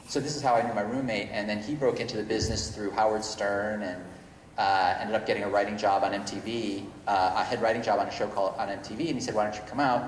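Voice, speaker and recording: A middle-aged screenwriter, guest at a convention Q&A, rambles through unscripted panel talk in a large indoor room. His voice is on the low side and steady, but his speech is halting and self-correcting. The hall is echoey and reverberant, with noticeable noise.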